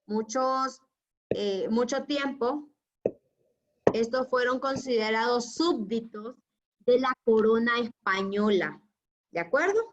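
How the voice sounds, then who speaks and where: A woman's voice: on the high side, slow, pauses often, muffled recording. A woman teacher giving an online class, patient and affectionate, asking the class questions.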